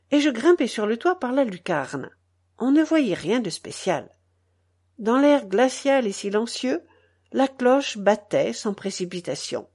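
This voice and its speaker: Woman reading a novel aloud, really lively pitch, swoops up and down, expressive. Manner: expressive storytelling. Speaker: narrator.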